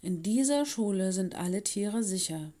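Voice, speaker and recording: A woman doing a calm, kindly cat headmistress. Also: mid-range voice, moderate pace, close to an everyday voice. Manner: calm, warm, reassuring. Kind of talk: audiobook reading.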